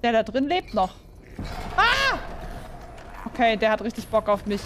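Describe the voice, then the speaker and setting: Over a noisy background, a fast-talking young woman with a fairly high voice plays a horror game and narrates for her viewers. This gaming YouTuber jumps, exclaims a lot, and keeps asking them questions.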